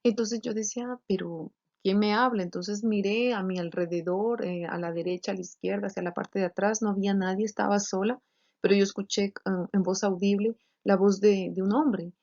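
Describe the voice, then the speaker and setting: Woman preacher, earnest testimony sermon, halting with restarts, mid pitch, slightly dull lo-fi audio. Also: fairly even intonation, dark tone. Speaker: preacher sharing a vision.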